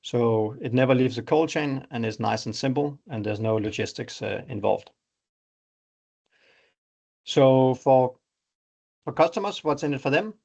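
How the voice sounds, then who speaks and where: In an online webinar, a middle-aged man from Denmark presents his startup with a Danish accent, using a conversational, explanatory pitch full of examples. He sounds animated yet a little mellow, keeping a measured pace with vocal fry and long pauses.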